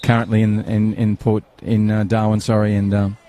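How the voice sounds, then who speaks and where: A man's voice: on the low side, monotone, moderate pace, warm tone, slight background noise. A man, commentating live on a football match outdoors, chatty and rambling, with banter and fillers.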